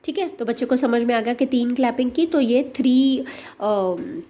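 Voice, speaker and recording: A woman's voice: a little high, normal speed, warm tone. A woman explaining worksheets to parents in a hesitant, filler-heavy way, mixing English into her speech. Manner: hesitant, many fillers, mixes English into Hindi. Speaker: special education channel host.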